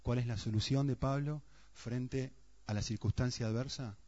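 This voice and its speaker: Earnest preacher, muffled sound. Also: male voice, mid-range voice, fairly even intonation, moderate pace, dark tone. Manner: earnest, asks the congregation rhetorical questions. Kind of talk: sermon.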